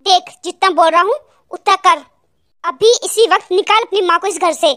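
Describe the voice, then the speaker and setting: A voice actor in a dubbed animated family drama plays an angry young husband throwing out his mother-in-law. His male voice is very high and moderately paced, harsh and domineering as he shouts orders.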